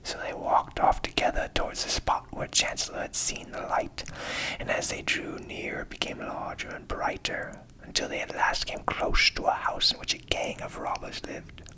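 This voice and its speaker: In a low-quality recording, a man whispers a fairy tale as an ASMR storyteller. His delivery is soft, soothing and breathy, with measured pauses.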